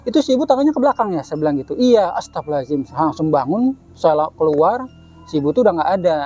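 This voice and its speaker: A man's voice: on the high side, very animated, warm tone, slightly rough, dull audio. A man telling a personal supernatural story in casual chat, acting out the quoted voices and drawing out prayer phrases. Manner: acts out quoted voices, many "kata saya gitu" tags; chants prayer phrases slowly. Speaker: guest storyteller.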